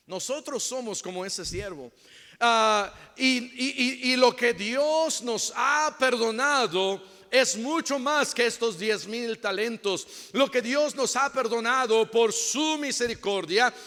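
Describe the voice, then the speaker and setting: A male pastor preaching a sermon with emphatic swings from loud to hushed, acting out the voices of people he quotes. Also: very high-pitched, takes it slowly. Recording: long reverb of a large church hall.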